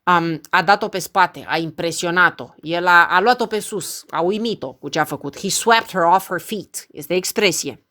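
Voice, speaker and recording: A woman teaching English verbs in an online lesson. She slows down and speaks each English example very clearly, then explains it. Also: fairly low pitch, sharp tone.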